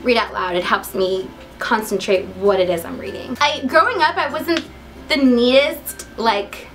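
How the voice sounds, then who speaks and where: Introducing herself on her vlog, a young adult American woman talks to camera in a giggly, chatty, upbeat manner. Her voice is fairly high and fairly bright, at a measured pace. The recording is rough, with faint music in the background.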